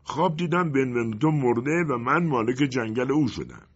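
A man playing a bitter, greedy middle-aged male colonel in a storybook reading, with a husky voice and stern outbursts. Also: mid-range voice, sing-song, pitched above the performer's own voice. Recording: dull lo-fi recording.

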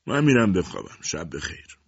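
A man's voice: sits low, wildly swooping pitch, vocal fry, husky, muffled recording, exaggerated voice. A man voicing a resentful young son answering his mother curtly in a storybook reading. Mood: defensive. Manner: defensive, curt.

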